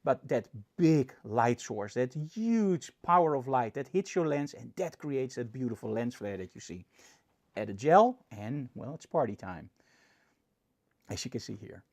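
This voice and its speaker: A male photography instructor with a Dutch accent talks through a tutorial. He explains with enthusiasm, his voice rising and dropping as he makes each point. The pitch sits in a middle range. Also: animated, unhurried, darkish tone. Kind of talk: presentation tutorial.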